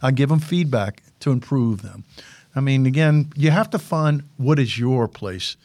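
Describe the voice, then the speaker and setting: An older man, a former military public affairs officer and instructor, is a guest on a casual podcast interview, his big, commanding voice at medium pitch and a measured pace. He's an animated storyteller who often repeats words and restarts sentences. The recording is close and dry, with no room sound.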